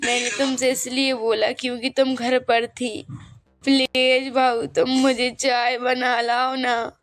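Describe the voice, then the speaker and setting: A helpless old mother-in-law from a village cartoon pleads gently for a cup of tea, voiced by a woman. Her tone stays meek and fairly high. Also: little pitch movement, takes it slowly. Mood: pleading.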